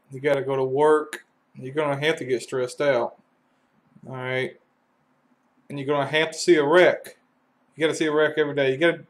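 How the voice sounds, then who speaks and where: Folksy Kentucky man explaining HVAC. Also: a little high. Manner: folksy, loose analogies with many fillers. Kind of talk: casual how-to explanation.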